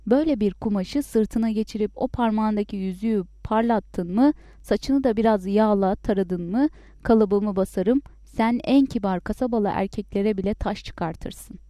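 A woman voicing a smooth-talking travelling male peddler in a storybook, with sweet flattering sales talk. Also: medium pitch, normal speed, no room sound, clean studio sound, lightly acted.

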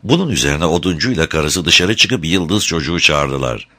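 A man narrating a fairy tale in an expressive, scripted storytelling style. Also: extremely low pitch, moderate pace.

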